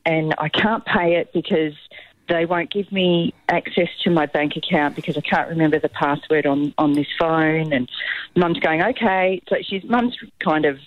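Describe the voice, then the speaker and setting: A woman's voice: low-pitched, steady tone, normal speed, dry recording, dull audio. A middle-aged Australian woman calling a talk radio show, telling a long story in a chatty way with frequent restarts. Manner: chatty, tells the story at length with many restarts. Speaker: radio caller.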